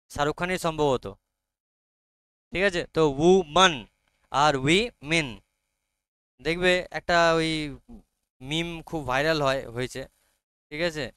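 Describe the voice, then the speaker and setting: A man's voice: high-pitched, pushed and bright, clear, resonant tone, dry recording, clean studio sound. A man with a Bengali accent teaching a grammar lesson to a class, often stopping to check that students follow. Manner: frequent check-ins with students.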